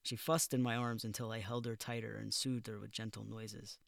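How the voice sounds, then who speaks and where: A man narrating a first-person audiobook in a measured, wry, deadpan way. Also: fairly low pitch, creaky, no room sound, studio quality.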